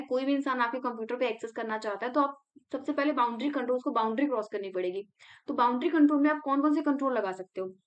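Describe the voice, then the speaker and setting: Young woman, tutor, casual revision lesson, mnemonic by mnemonic, Indian English terms, slightly high voice. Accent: Indian English words mixed into Hindi. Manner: chatty, explains mnemonics step by step.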